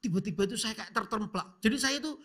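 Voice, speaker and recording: A male pastor, preaching a sermon by telling a story, dropping to whispers and then rising to loud calls. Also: sits high, fast, slightly rough. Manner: storytelling with sudden shouts and hushed whispers. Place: church.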